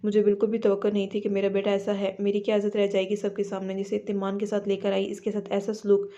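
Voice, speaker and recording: A woman's voice: mid-range voice, completely flat delivery, fast talker, mellow, dull audio, close to an everyday voice. A woman reading the lines of a hurt, scolding middle-aged mother in an audio novel, in a reproachful tone.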